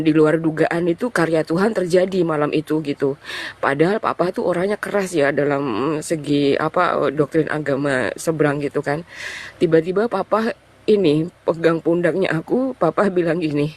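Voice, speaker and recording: A young woman telling her conversion testimony in an interview, talking in a loose, halting way full of fillers. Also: deep voice, darkish tone. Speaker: guest sharing a conversion testimony.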